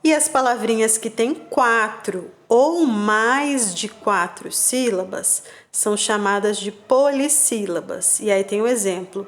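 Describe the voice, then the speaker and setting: A woman teacher, giving patient, slow remote-class instructions to young children and spelling out syllables. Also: mid-range voice. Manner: checks in with "tá bom?" and "combinado?". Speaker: primary school teacher.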